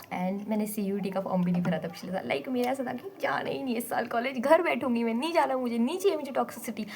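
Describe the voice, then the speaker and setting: A young woman chats to her camera at home, giggling as she goes. Her voice sits on the high side. A faint hum of the room is heard behind her. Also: fast, darkish tone. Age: young adult. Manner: giggly, chatty, mixes English words. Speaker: vlogger, exam dropper. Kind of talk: casual chat to camera.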